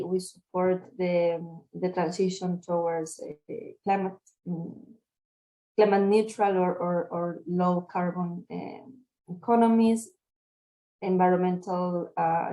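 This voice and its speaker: Woman engineer on a webinar, low and flat, mellow tone, restarts often. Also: dull audio. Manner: repeats words, restarts. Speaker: agricultural engineer, presenter. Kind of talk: webinar introduction. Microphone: video call.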